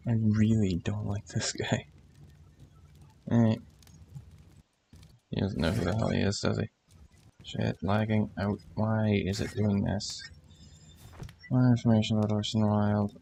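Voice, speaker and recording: A man commentates casually on a game in a slow, fry-laden voice. He grumbles and swears in muttered asides over faint background noise. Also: fairly low pitch, fairly even intonation, mellow. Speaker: gaming streamer.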